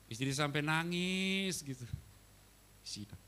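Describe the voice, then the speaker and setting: A male pastor preaching a sermon, telling a personal story with animated swings from loud outbursts to quiet asides. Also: fairly high pitch, takes it slowly, smooth. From Batak. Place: church hall.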